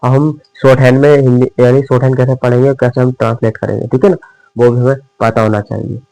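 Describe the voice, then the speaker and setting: A man's voice: mid-range voice, little pitch movement, quick pace, gravelly, dark tone, dry recording, faint music behind, rough recording. A male teacher explaining shorthand in a classroom-style lesson, asking questions and answering them himself, calling his students dear children. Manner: repetitive quiz-style, asks and answers himself; affectionate address to students.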